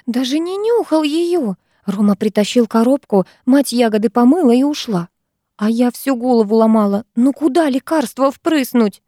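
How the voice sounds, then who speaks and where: A woman's voice: fairly high pitch, lively intonation, dark tone, no echo, clean studio sound, pitched above the performer's own voice. A woman narrator voicing a distraught young woman who pleads and sobs in frantic outbursts. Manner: rushed, pleading, sobbing outbursts.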